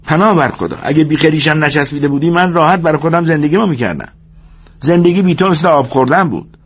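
A man voicing an exasperated, bossy but protective ranch hand in an audiobook, speaking in a high, raised, scolding voice with a husky edge. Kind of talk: audiobook character voice.

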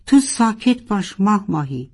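A storyteller voicing a young narwhal who is desperately searching for its lost father, pleading and shouting. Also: mid-range voice, lively intonation, creaky. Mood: frantic. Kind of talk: children's audiobook acting.

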